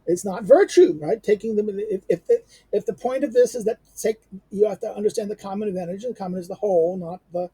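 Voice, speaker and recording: A middle-aged man giving an unscripted lecture on a text, halting with many fillers, restarts and rhetorical questions. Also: high voice, fairly even intonation, mellow, slightly rough, no room sound.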